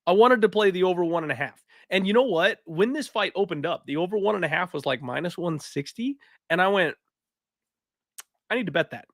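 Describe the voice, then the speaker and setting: Man, raspy throaty voice, sounds sick, slightly high-pitched, casual fight-betting podcast host, animated storytelling, dry recording. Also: a little fast, no room sound. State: sick, with a cough. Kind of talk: casual fight recap commentary.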